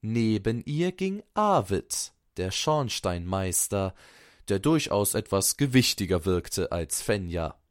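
A man reading a fairy-tale story aloud in a calm, soft-spoken way. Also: lowish voice, slow pace, no echo, studio quality. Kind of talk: scripted storybook narration.

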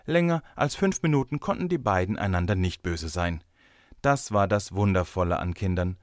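A man reading a story aloud in a lively, expressive storytelling manner. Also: deep voice, normal speed, dry recording, clean studio sound. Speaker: narrator.

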